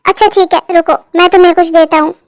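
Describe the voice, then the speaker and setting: A woman voicing a gentle, patient young husband who coaxes and reassures, in an amateur fan dub. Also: very high voice, steady tone, fast talker. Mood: soothing. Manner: coaxing, reassuring.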